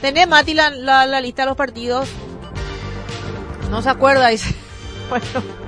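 A woman's voice: high voice, fairly even intonation, a little slow, music in the background. A woman with a Paraguayan Spanish accent hosting a radio show, chatting casually and reading listener messages aloud. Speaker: radio host. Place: radio studio.

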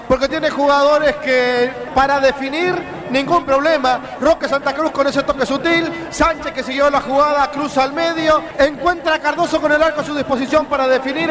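A man giving analytical football commentary, explaining play step by step. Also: very high voice. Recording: stadium broadcast with crowd noise. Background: crowd.

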